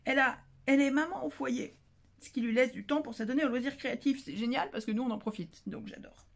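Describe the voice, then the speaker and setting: A tired woman chats casually and playfully while opening her mail, often exclaiming and teasing herself. Her voice sits a little high. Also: fast, gravelly. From France. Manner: chatty, playful, self-mocking, exclaiming. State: tired, voice going. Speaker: craft channel host.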